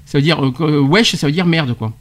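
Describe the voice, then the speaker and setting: Man, radio host, slightly high voice, quizzing a guest, lively explanations. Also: fairly quick. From France. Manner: quizzing, explaining slang terms with laughs. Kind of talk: radio debate segment.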